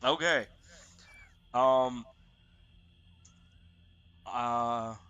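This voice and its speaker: A man running a tabletop roleplaying game as game master, narrating haltingly and piecing sentences together. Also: medium pitch, bright, forceful tone, clean tone, highs cut off.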